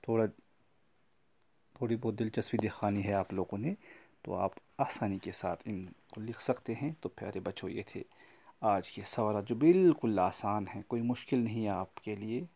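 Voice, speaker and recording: A man records a lesson for young pupils, speaking in a fairly low register. He explains each word patiently and repeats key points so that children can follow. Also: creaky, dark tone. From Kashmir. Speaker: teacher.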